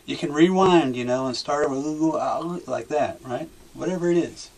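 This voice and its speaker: Male session monitor, gravelly voice, coaxing, prompting tone. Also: fairly high pitch, moderate pace, a little mellow, poor audio. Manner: coaxing and prompting, with light laughter. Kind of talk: guiding a session.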